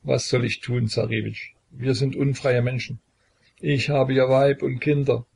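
A man's voice: lowish voice, level tone, normal speed, creaky, husky, heavily acted. A man doing a timid pleading garrison priest. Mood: fearful pleading. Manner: pleading, anxious.

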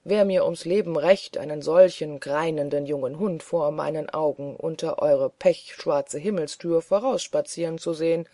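A reader voicing a mocking, defiant male prisoner in an audiobook, loud and taunting. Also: medium pitch, measured pace, dry recording, studio quality. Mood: scornful. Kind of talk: audiobook character voice.

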